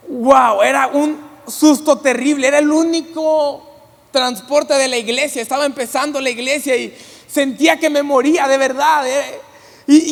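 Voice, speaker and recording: A man's voice: extremely high pitch, creaky. A man with a Mexican accent preaching a sermon, telling a funny story about himself and building up to fervent preaching. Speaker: pastor. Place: church sanctuary. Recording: long church hall reverb.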